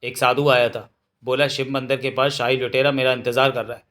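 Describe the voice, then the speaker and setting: A man's voice: mid-range voice, little pitch movement, fairly quick, a bit bright, natural voice. A man voicing an earnest young village lad who stammers when he is worried, in a storybook reading.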